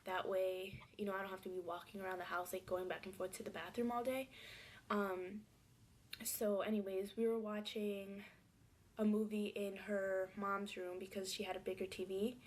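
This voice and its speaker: A woman recounts a personal story in a soft, hesitant voice that often sinks toward a whisper. Her pitch stays flat and level, with little rise or fall. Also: moderate pace.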